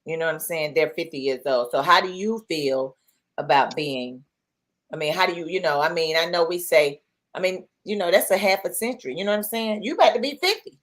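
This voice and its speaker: Speaking a little fast with lively intonation, this woman's voice sits on the low side. She's a middle-aged podcast co-host in easygoing chat mode, chatty and prone to repeating herself while pressing with questions.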